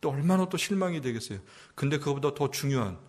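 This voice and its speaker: Korean pastor preaching conversationally. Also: male voice, fairly high pitch, animated, quick pace. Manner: conversational preaching with rhetorical questions to the congregation; rises to emphatic, louder passages. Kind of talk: sermon.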